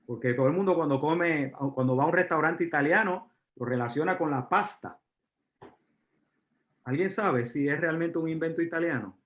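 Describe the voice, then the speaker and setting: A man from Puerto Rico with a Puerto Rican accent, giving a live university lecture, pausing on fillers and asking the audience questions. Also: fairly high pitch, a bit bright. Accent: Puerto Rican Spanish. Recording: roomy, dull lecture recording.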